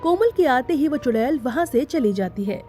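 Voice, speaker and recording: A woman narrating a scripted animated story in a steady storytelling manner. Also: high voice, normal speed, soft background music.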